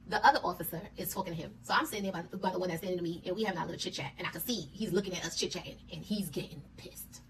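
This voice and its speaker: A woman telling a personal story in a casual storytime style, blunt, profane and animated. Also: lowish voice, rapid-fire, few pauses, distant mic, slight background noise, rough recording.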